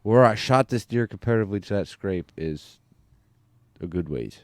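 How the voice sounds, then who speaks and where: A man's voice: on the low side, animated, normal speed, a little mellow, no room sound. A man in casual podcast chat, telling a story in a rambling way with lots of fillers and restarts. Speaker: bowhunter on a hunting podcast.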